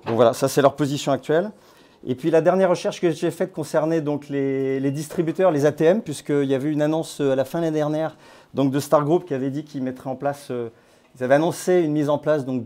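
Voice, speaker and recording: Guy presenting to a small meetup, chatty and hesitant, lots of restarts, ordinary pitch. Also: warm tone. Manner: conversational and halting, with many hesitations and restarts. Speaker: crypto platform founder giving a talk. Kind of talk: informal presentation to a meetup group. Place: based in Nouméa.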